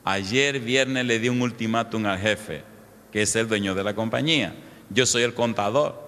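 A man preacher voicing a stubborn, defensive middle-aged accountant who grumbles about his wife, in a low voice within a sermon story. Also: moderate pace, a bit bright, natural voice. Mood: resolute. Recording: echoey hall.

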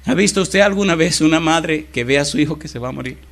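A male pastor preaching a sermon with passion, swinging between loud emphatic cries and hushed, intimate storytelling. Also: fairly high pitch, fast, creaky.

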